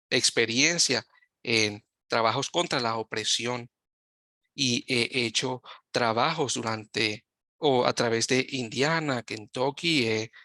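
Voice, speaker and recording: A man giving live Spanish interpretation of a webinar over a video call, talking in halting phrases and often correcting himself mid-sentence. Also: mid-range voice, pushed and bright, no room sound, studio quality. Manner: halting, with frequent self-corrections.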